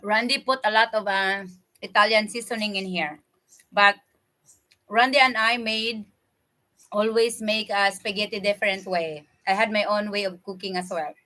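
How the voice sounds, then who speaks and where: With a medium pitch and steady tone, this woman talks at a normal speed in a sharp voice. She's a livestream host from the Philippines with a Filipino accent, casually chatting with viewers while eating and laughing frequently, via a computer webcam mic.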